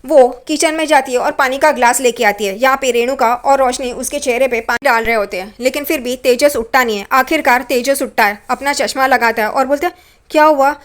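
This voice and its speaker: High-voiced woman recapping a serial. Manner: brisk retelling with "yahan pe" asides.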